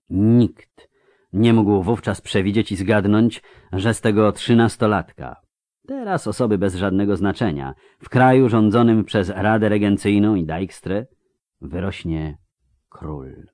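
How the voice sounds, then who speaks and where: A man narrating a fantasy novel in an expressive, dramatic storytelling manner. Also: fairly low pitch, unhurried, no room sound, clean studio sound. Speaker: audiobook narrator. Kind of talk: scripted fiction narration.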